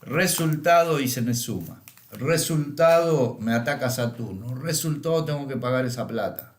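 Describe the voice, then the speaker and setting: Man, Rioplatense Spanish accent, middle-aged, astrology teacher, lecture with anecdotes, mid-pitched voice, reverberant room. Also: expressive, moderate pace. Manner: tags lines with questioning "¿m?" and "¿eh?".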